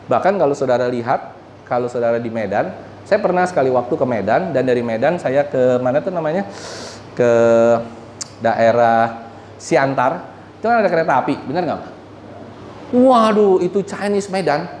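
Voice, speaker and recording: A man's voice: mid-range voice, animated, normal speed, darkish tone. A man preaching a sermon as pastor, joking and putting questions to the congregation. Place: church hall. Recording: echoey church hall, faint room noise.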